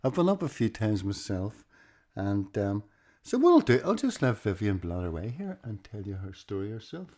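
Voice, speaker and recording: A man hosting a podcast, relaxed and teasing as he introduces his guest. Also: on the low side, moderate pace. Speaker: podcast host. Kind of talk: casual podcast chat.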